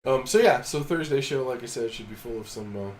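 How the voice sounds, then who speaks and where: A man co-hosting a casual developer chat, explaining his work in a relaxed way. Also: mid-range voice, fairly quick, slight background noise. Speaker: game developer, co-host.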